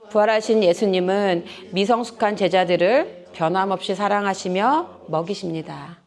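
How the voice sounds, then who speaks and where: Woman preacher, chatty and animated, keeps asking the congregation questions. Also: mid-range voice, vocal fry. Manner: lively, questioning the audience, plain speech. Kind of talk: casual sermon to children and youth.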